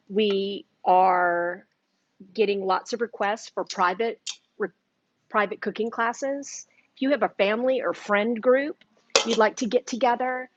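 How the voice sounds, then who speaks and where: A woman's voice: mid-range voice, highs cut off. A woman hosting a live cooking demonstration in a shop kitchen, chatty and eating while she talks. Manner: chatty, eats and talks at once. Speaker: cooking class host. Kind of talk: casual live cooking demo.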